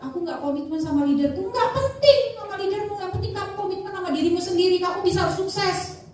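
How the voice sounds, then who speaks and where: A middle-aged woman, giving an animated sales training talk and acting out the people she quotes. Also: very high-pitched, fast, slight background noise. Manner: animated, switches voices to act out quoted people. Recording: very echoey room, voice from far off the mic.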